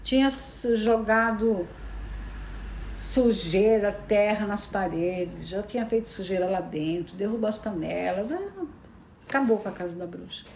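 A woman's voice: medium pitch, lively intonation, unhurried, a little mellow, slight background noise. A woman telling a fairy tale casually, rambling and repeating phrases as she goes. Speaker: storyteller. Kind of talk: casual oral storytelling. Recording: echoey room.

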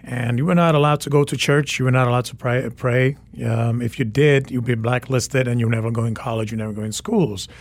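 Guesting on a radio interview, this man in his forties, a photographer and native Czech speaker from the Czech Republic, talks with enthusiasm and repeats words to stress them. His mid-range voice stays steady, brisk, with few pauses.

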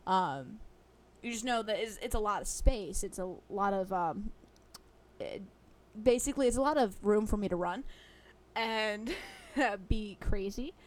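A woman's voice: medium pitch, a little slow. Giggly young woman telling stories. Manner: giggly, chatty, full of fillers. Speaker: fast-food drive-thru worker. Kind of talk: casual storytelling.

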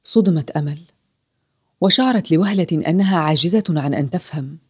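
Woman narrator, breathy voice, solemn measured storytelling, scripted reading. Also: low-pitched.

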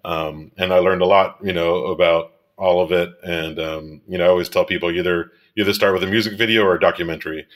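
A man's voice: low-pitched, steady tone, quick pace, few pauses, a bit bright. A man in his thirties from Miami, a commercial photographer and director, talking casually as an interview guest, rambling with many fillers and restarts and laughing easily. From Miami, United States.

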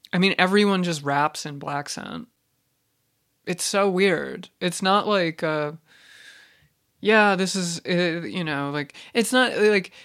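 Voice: medium pitch, a bit bright, clean tone. A speaker in a loose solo rant, exasperated and swearing freely. The speech keeps circling back on itself with fillers and restarts. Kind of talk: casual ranting monologue.

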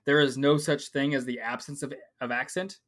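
A man's voice: medium pitch, fairly even intonation, normal speed. A man with a mid-range voice discusses a research paper. He is reflective and turns emphatic when he makes his point.

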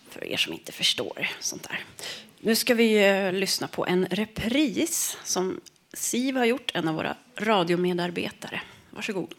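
A woman hosts a small radio show, loosely introducing items and slipping in side remarks. Her voice is mid-pitched, with faint background noise on the recording. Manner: informal, with asides and an occasional whisper. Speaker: radio host. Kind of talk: casual radio presenting.

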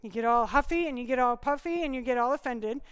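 A woman's voice: a little high, fast talker, fairly bright tone, smooth, in a large hall. A woman preaching a conversational sermon with humor, often asking the congregation questions.

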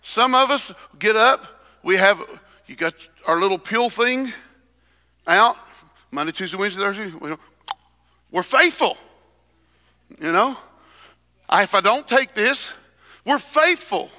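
A man preaching a sermon at a pulpit microphone, swinging between soft teaching and loud shouting. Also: sits high, animated, a little slow, pauses often. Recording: long hall reverb.

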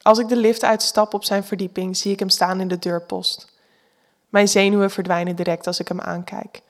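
Woman, Dutch accent, scripted first-person narration, calm, intimate. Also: medium pitch, moderate pace. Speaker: storyteller.

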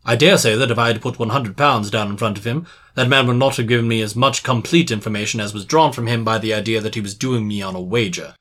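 Man playing a cool, shrewd gentleman detective. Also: lowish voice. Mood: musing. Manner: cool, measured, dryly confident.

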